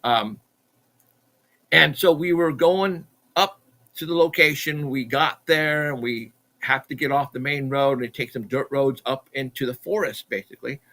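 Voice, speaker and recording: Middle-aged dude telling his crazy story, bright forceful voice, keeps tripping over words. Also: mid-range voice, a little slow. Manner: excitable, repeats himself, acts out dialogue. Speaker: podcast guest, Bigfoot researcher. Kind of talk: animated storytelling.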